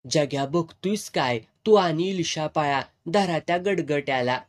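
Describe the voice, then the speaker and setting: A man's voice: a little high, a little slow, lightly acted. A man doing a brutal bullying landlord. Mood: barking orders. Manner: snarls and barks crude orders.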